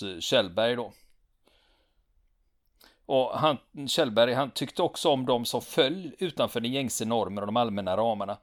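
Man telling a true story casually. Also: mid-range voice. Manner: relaxed, with frequent fillers and restarts. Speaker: podcast storyteller. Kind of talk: conversational storytelling.

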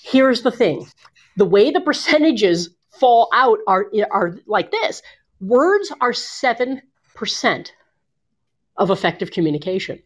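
A woman talking through public speaking tips in an interview, her voice lively and expressive. She shifts her pace a lot, rushing some phrases and stretching others for emphasis. She speaks in a casual, coaching manner from her home. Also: fairly high pitch. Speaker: communication coach. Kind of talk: conversational interview.

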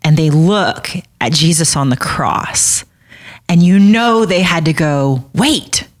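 A woman's voice: deep voice, lively intonation, slow pace. A woman co-hosting a Bible study podcast, earnest and emphatic in a casual faith discussion, repeating her key phrases.

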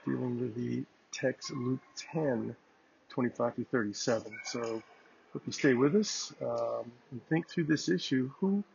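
A man's voice: mid-range voice, unhurried, gravelly, darkish tone, a little hiss or hum. A man hosting a faith podcast, giving a friendly, plain introduction to a recorded sermon. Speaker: podcast host. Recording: slightly muffled lo-fi recording.

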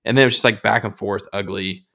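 A man in casual sports chat on a podcast, telling a game story with lively swearing and acting out his own reactions. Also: on the low side, quick pace, vocal fry. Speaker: podcast co-host, football fan.

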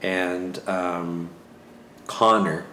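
A man's voice: deep voice, steady tone, extremely slow, pushed and bright. A man playing a tabletop game, joking and teasing the game master. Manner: wisecracking, teasing. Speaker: player. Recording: echoey room with faint ambient noise.

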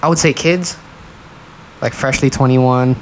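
A man's voice: medium pitch, steady tone, a little slow, slight background noise, rough recording. A man co-hosting a podcast in casual chat, laid-back and profane, full of slang and "you know what I'm saying.". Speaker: podcast co-host.

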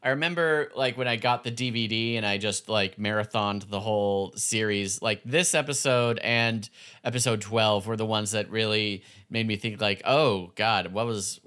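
A man co-hosting a podcast, recapping a show casually in halting phrases full of "like". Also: lowish voice, bright, forceful tone, clear, resonant tone. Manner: halting, filler-heavy phrasing with many "like"s. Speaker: podcast co-host.

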